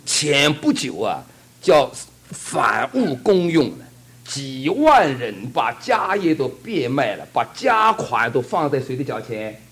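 A man's voice: mid-range voice, big pitch swings, slow, a bit bright, breathy edge. A man preaching a fervent sermon and telling a testimony, asking the congregation rhetorical questions.

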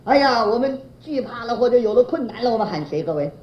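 A woman preacher delivering a sermon with a lively, swooping pitch. She keeps asking the congregation to fill in her words and chuckles through her anecdotes. The sound is roomy and dull, like an older lo-fi recording. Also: fast talker. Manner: poses fill-in questions to the congregation; chuckles while telling anecdotes.

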